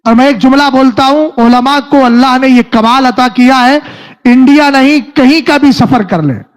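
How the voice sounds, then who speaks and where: A man's voice: very high-pitched, normal speed. A man preaching a religious sermon, reciting Arabic verses and then explaining them, often asking his listeners whether they have understood. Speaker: Islamic preacher.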